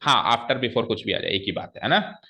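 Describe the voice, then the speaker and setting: Male teacher, classroom grammar lesson, bright tone, explains and asks questions. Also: mid-range voice, animated, moderate pace, gravelly.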